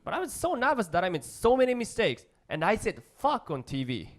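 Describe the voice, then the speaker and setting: A male stand-up comedian with a strong Japanese accent and a fairly high voice. His pitch moves in lively swings as he tells stories in simple, halting English and acts out little exchanges for a live audience.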